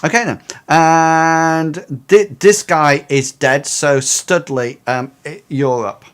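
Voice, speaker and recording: A man's voice: on the high side, steady tone, takes it slowly, fairly bright tone, smooth. A man narrating as game master, explaining rules and the action to his players.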